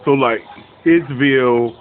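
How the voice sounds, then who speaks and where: A man's voice: medium pitch, slow pace. A man hosting an interview, asking questions with playful, hyped-up reactions. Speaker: interview host. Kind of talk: casual interview chat. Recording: tinny phone line with faint noise.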